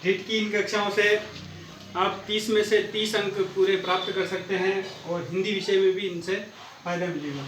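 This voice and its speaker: A man teaching Sanskrit grammar, methodically repeating exam-style questions and slowly chanting the grammar rules. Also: high-pitched, fairly even intonation, a bit bright, echoey room, far from the mic, a little hiss or hum. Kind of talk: exam-prep lecture.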